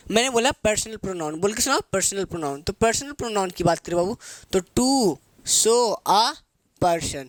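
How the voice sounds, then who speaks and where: A man's voice: high voice, fairly bright tone, dry recording. A man teaching grammar in a playful, joking way, asking questions and answering them himself. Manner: asks questions and answers himself, calls viewers babu.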